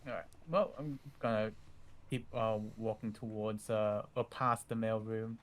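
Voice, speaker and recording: A man's voice: fairly low pitch, fairly even intonation, a little slow. Hesitant man thinking aloud. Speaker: player. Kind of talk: casual tabletop play.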